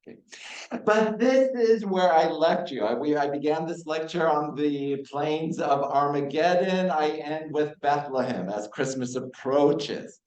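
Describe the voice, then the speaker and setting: A man's voice: a little high, measured pace, darkish tone, dull audio. A man from Iraq giving a university lecture, posing rhetorical questions to his audience. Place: lecture hall. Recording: echoey lecture hall.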